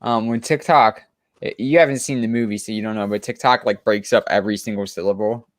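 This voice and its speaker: Man, low voice, casual rambling chat, eager, dry close sound. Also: steady tone, brisk, no room sound. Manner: enthusiastic, rambling with many restarts and fillers. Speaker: co-host of a comic book show.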